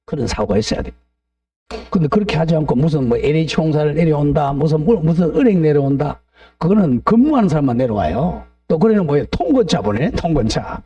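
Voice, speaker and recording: A man's voice: on the high side, expressive, quick pace, warm tone, no echo, distant mic. A middle-aged man teaching a real estate law class, drifting into blunt, ranting asides and asking the class to agree. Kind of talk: lecture with opinionated digressions.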